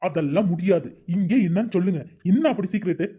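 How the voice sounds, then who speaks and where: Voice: mid-range voice, quick pace, slightly rough, lo-fi sound, close to an everyday voice. A performer voicing a defiant young man in a cartoon, talking back to his parents in an argumentative way.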